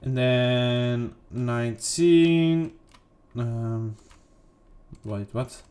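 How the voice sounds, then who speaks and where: A man's voice: steady tone, drawn-out words, darkish tone. A man casually talking through his gameplay, rambling and second-guessing himself with lots of fillers. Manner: rambling, self-questioning, lots of fillers and "boom". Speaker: gaming video creator. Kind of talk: casual unedited gameplay commentary.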